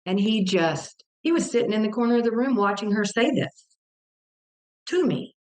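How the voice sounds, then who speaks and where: A woman's voice: mid-range voice, lively intonation, moderate pace, darkish tone. An older woman from Texas shares a personal testimony as an interview guest. She tells it earnestly and with feeling, acting out the voices in her story with vivid quoted dialogue. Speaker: guest author.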